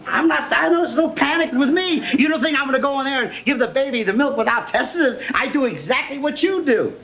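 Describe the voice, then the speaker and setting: A stammering eager young babysitter. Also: male voice, very high voice, lively intonation, fast, creaky, exaggerated voice. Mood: eager, flustered. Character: nervous naive young man eager to babysit. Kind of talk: 1960s sitcom acting. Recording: dull old TV audio with hiss and studio audience.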